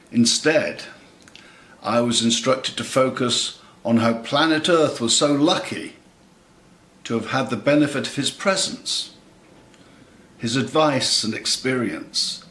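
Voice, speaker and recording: A man in his seventies giving a scripted eulogy in a measured, wry, tongue-in-cheek way with deliberate pauses. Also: medium pitch, fairly bright tone. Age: 70s. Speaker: eulogist, lifelong friend of the deceased. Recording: roomy, echoing sound.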